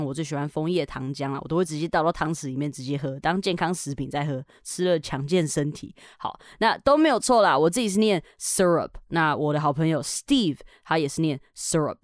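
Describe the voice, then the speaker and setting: Chatty lady teaching english on her podcast, lowish voice, keeps mixing in english. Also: no room sound, clean studio sound. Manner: upbeat and chatty, often switching into English words. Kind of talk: podcast vocabulary lesson.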